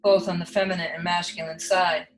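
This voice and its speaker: A woman leading a guided spiritual meditation in a slow, hushed delivery with long pauses. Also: lowish voice, level tone. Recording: echoey reverb over soft music.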